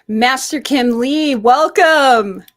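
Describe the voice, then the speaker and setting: A woman's voice: sits high, extremely slow. Effusive female talk show host. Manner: warm-toned, effusive and admiring, drawing out key words. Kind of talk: interview hosting.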